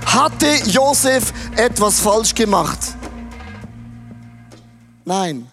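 A man's voice: high-pitched, expressive, drawn-out words, fairly bright tone, soft background music. A man preaching casually, retelling a story dramatically with slang. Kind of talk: sermon storytelling.

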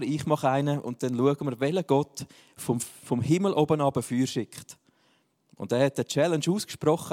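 A man's voice: fairly high pitch, darkish tone, long reverb tail. A man, preaching a sermon in a casual, joking style. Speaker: pastor.

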